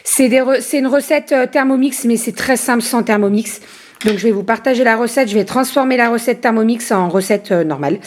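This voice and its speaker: A woman's voice: fairly high pitch, a little fast, slight background noise. A woman vlogging about her family life from her home kitchen, rambling casually with lots of hesitations and self-corrections. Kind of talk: casual home vlog chat.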